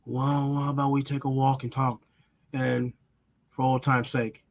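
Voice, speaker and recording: A man's voice: mid-range voice, flat delivery, a little slow, gravelly. A man voicing a spiteful old female ghoul, a death spirit, in a thin, ashy voice with a taunting, mocking manner. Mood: coaxing.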